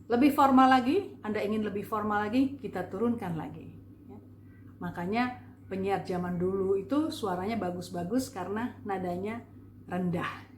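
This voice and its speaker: A woman teaching public speaking in a friendly, chatty spoken lesson, explaining slowly and deliberately. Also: medium pitch, darkish tone, reverberant, slight background noise. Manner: slow, deliberate explaining with vocal demonstrations; casual, chatty Indonesian with fillers.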